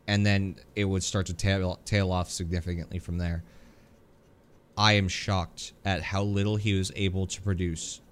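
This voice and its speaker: A man co-hosting a casual hockey podcast, talking in an animated, exasperated way. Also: deep voice, smooth. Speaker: podcast co-host. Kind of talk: casual sports chat.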